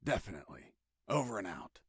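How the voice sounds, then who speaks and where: Low-voiced, wry fugitive operative. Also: male voice, big pitch swings, a little fast, noisy background. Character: wry, cool-headed male fugitive operative. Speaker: protagonist and narrator.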